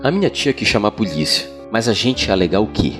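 A Brazilian man narrating as a podcast storyteller, with a sultry, deliberate, dramatic delivery of scripted horror tales. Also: lowish voice, sing-song. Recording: music bed behind voice. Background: background music.

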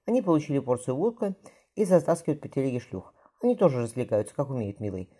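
A reader voicing a young soldier-commander who talks languidly and mockingly. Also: female voice, very deep voice, big pitch swings, fast, mellow, slightly rough, full character voice.

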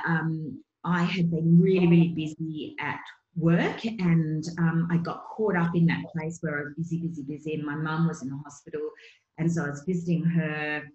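A middle-aged woman tells her story as an interview guest, earnest and chatty with plenty of fillers. Her voice sits on the low side. The room around her sounds echoey. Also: a little mellow, muffled recording. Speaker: guest, horse coach.

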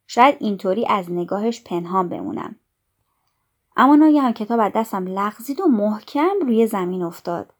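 Woman calmly narrating a story. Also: mid-range voice. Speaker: audiobook narrator. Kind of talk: scripted first-person story narration.

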